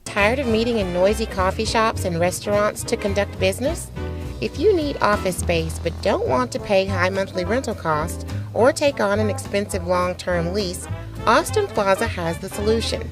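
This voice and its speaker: A woman announcer reading a scripted office-space commercial in a smooth, even promotional voice. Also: mid-range voice, normal speed, poor audio. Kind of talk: scripted ad read. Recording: music bed behind voice.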